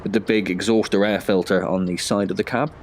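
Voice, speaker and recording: Fairly quick and fairly even in intonation, this man's low-ish voice comes with a little hiss or hum on the recording. Nursing a slight head cold, he plays a driving game on his own gaming channel, chatting, thinking aloud, and tossing in self-deprecating asides as let's-play commentary.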